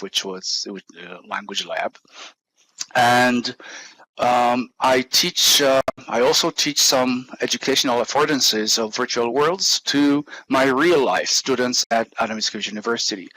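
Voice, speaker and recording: A man with a Polish accent giving an academic conference presentation, haltingly, with frequent throat-clearing and grunting noises. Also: mid-range voice, bright, forceful tone, no room sound, poor audio. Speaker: university lecturer, conference speaker. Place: online talk given inside a virtual world.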